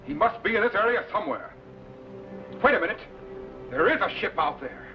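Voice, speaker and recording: An actor playing a commanding scientist captain, authoritative and technical, in a vintage science fiction serial. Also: male voice, high-pitched, big pitch swings, fairly quick, faint music behind. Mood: decisive, urgent. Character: commanding time-travelling scientist captain, calm and decisive. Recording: noisy, dull vintage broadcast recording.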